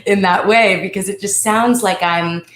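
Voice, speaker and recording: A woman's voice: medium pitch, fairly even intonation, moderate pace, a bit bright, echoey room, slight background noise. A woman hosting a casual chat over a call, playful and joking. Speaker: podcast host.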